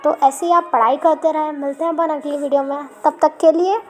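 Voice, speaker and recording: A woman teacher explaining English spelling to children, patiently repeating words slowly. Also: sits high, steady tone, darkish tone, faint music behind, rough recording.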